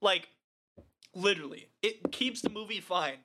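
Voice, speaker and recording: A man co-hosting a podcast, reviewing a movie in casual chat, animated and swearing a lot with frequent laughs. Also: high-pitched, normal speed, background noise. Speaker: podcast co-host.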